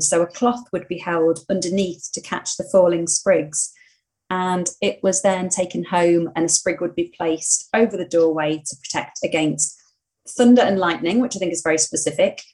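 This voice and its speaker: Heard through poor audio, a podcast co-host speaks with a fairly low-pitched voice in a casual chat. She comes across as earnest and warmly opinionated, now and then talking herself into mild indignation.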